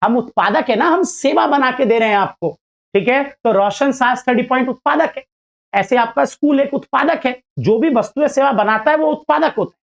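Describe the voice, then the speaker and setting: A man's voice: very high-pitched, moderate pace, vocal fry. A male teacher giving a casual lecture to students, chatty and playful, acting out little dialogues as he explains.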